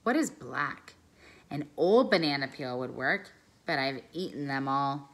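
Low, bright-voiced woman reading a story. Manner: calm, careful storytelling, pausing over phrases. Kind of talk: reading a children's novel aloud.

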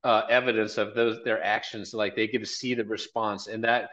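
On the low side but fairly bright in tone, his voice stays fairly flat in pitch at a moderate pace. This earnest man in his fifties, a college marketing director and event organizer, often repeats phrases as a guest in a casual video-call interview from a small office, captured with dull, lo-fi audio.

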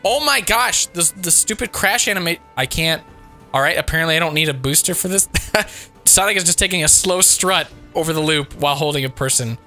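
A man talking through a video game while sick, his voice not quite back yet. He sounds bright and a little pitched up, and his voice leaps around as he reacts with sudden exclamations. Faint music plays underneath. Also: brisk. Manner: excitable, reactive, frequent exclamations and chuckles. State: sick, voice not fully recovered. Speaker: let's play host. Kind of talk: casual gameplay commentary.

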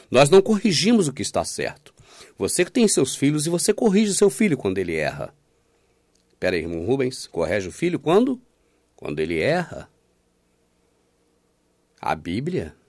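Man, informal online sermon, sarcastic, swings between loud and hushed, higher-pitched voice. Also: no room sound. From Minas Gerais, Brazil. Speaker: preacher.

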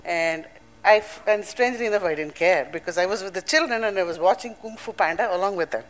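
An older woman with an Indian English accent speaks quickly in a mid-range voice as a panel speaker at a public event. She is earnest and emphatic, weaving personal stories and asides into her points.

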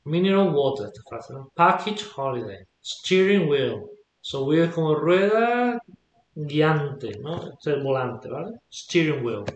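A man's voice: on the high side, big pitch swings, unhurried, highs cut off. A man teaching English vocabulary, patiently repeating words and checking that the student follows. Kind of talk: explaining vocabulary in a lesson. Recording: echoey room.

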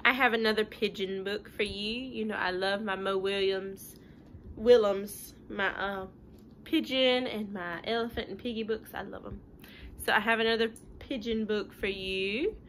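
A home recording with light room noise captures a woman in her thirties reading a picture book aloud to kids in her living room. Her medium-pitched voice is fairly bright with fairly even intonation at a normal speed, yet the reading is chatty, sing-song and animated, with casual asides explaining things simply.

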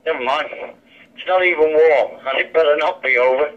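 Through the dull speaker of a digital handheld radio, an amateur radio operator chats bluntly and informally with another ham. His voice is fairly high and he talks a little fast.

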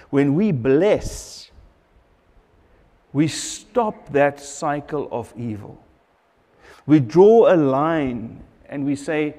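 A man's voice: a little high, mellow, long reverb tail. A middle-aged man preaching a sermon at a church pulpit, earnest and repeating phrases for emphasis, on a lapel mic. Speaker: pastor.

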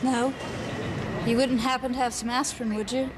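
An actress plays a young college-bound woman, guarded and dry. Her voice is fairly high, acted naturally for a TV drama over noisy background ambience. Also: flat delivery, moderate pace, lightly acted. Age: young adult. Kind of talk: naturalistic TV film acting. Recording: noisy film soundtrack with terminal ambience.

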